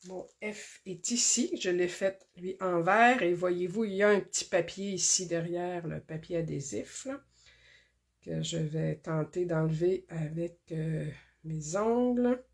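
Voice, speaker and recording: A woman hosts a card-making tutorial, talking slowly and carefully through each step with many pauses and fillers. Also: fairly low pitch. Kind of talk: casual craft demonstration.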